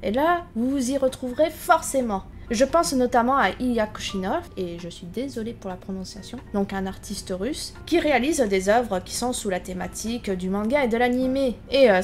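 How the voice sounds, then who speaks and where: A female VTuber host delivers scripted commentary in a slightly high voice, sprinkling in fillers as she shares her opinions. Faint background music plays beneath her. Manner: chatty, opinionated, many fillers.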